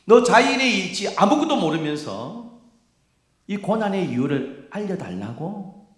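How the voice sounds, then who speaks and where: A man's voice: high-pitched, big pitch swings, reverberant, pitched above the performer's own voice. A man acting out God as a stern male voice who fires question after question at a sufferer, scolding and interrogating. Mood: stern, challenging. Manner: rapid-fire, scolding, interrogating.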